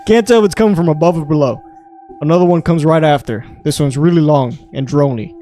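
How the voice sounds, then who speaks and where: A man's voice: a little high, quick pace, mellow, faint music behind. A young adult man hosting a podcast, casually reading online stories aloud in a crude, joking way. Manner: crude, joking, reads in clipped green-text style. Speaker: podcast host.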